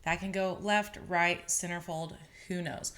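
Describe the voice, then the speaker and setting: A woman in her twenties hosting her own podcast, telling stories in a chatty, animated way with bits of laughter. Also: fairly low pitch, measured pace. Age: 20s. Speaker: podcast host. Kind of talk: casual podcast monologue.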